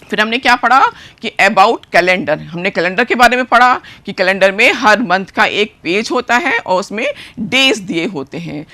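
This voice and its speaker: A woman with an Indian accent teaching a primary school class, explaining words slowly and spelling them out letter by letter. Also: medium pitch, animated, pushed and bright. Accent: Indian English. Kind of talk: bilingual classroom lesson.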